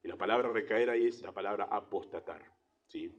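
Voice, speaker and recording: A Rioplatense-accented pastor delivers his sermon fairly quickly in a lowish voice, throwing out rhetorical questions. He shifts from loud, emphatic moments to quiet asides inside the church.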